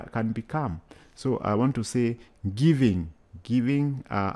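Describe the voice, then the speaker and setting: Male charity worker as interview guest, Kenyan accent, lower-pitched voice, earnest delivery with emphatic repetition. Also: warm tone. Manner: earnest, emphatic, repeats phrases. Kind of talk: interview answers.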